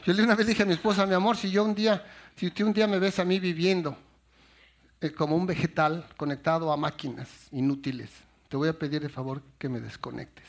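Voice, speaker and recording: On stage before a laughing audience, a man performs a stand-up comedy routine, telling stories animatedly and acting out his characters' lines. His voice sits on the high side, with a steady tone and a slightly fast pace.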